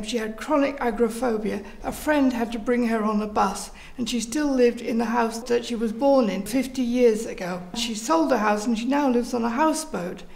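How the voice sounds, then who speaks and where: In an interview, a theatre group leader explains things and shares stories. Her voice is fairly high, with a strong creak running all through it.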